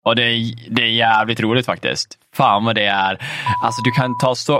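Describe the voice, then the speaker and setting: A man's voice: mid-range voice, flat delivery, noisy background. A man co-hosting a podcast, rambling in casual chat about video games with many fillers and some swearing. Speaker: podcast co-host.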